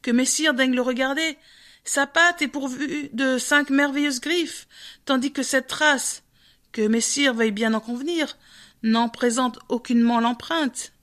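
Flattering sly fox, read by a woman, smooth and humble-sounding, storybook. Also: sits high, unhurried. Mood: wheedling. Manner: smooth and falsely modest.

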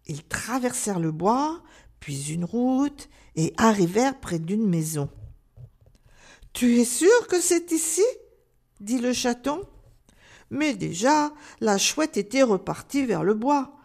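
A woman reading a children's story aloud in a gentle, expressive way. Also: a little high, slow, vocal fry.

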